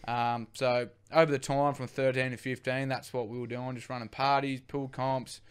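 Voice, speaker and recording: A young Australian man tells a long, casual story, rambling and dropping the odd swear word. His voice comes through smooth and clear at an ordinary middle pitch. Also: little pitch movement, normal speed. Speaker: brewery co-founder guest.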